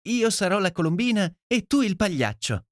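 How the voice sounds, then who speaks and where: A man reading an audiobook and voicing an excited young goddaughter who gushes with delight. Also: high-pitched, normal speed, no echo, clean studio sound, pitched above the performer's own voice. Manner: gushing, squealing with delight. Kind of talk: audiobook character voice.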